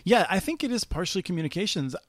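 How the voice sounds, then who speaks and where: A man's voice: high-pitched, very animated, fast talker, no room sound. Enthusiastic man, dry close sound. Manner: enthusiastic, many restarts and laughs. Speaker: policy researcher guest. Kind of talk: casual podcast discussion.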